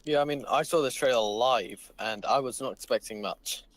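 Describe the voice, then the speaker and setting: A man's voice: mid-range voice, moderate pace. A man co-hosting a casual podcast chat. He speaks in an eager, exclamatory way in a mid-range voice, and the recording sounds dry and close with no room echo. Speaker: co-host.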